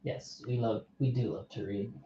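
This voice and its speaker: A man's voice: medium pitch, steady tone, moderate pace, dark tone, slight background noise. Easygoing man thinking aloud over a game. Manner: thinks aloud, reads card text, asks unseen viewers. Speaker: board game streamer. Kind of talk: casual play-through commentary. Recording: muffled, echoey room.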